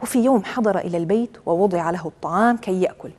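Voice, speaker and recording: A woman giving a measured, earnest religious talk, telling stories to make her point. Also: mid-range voice, a little mellow. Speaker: religious speaker.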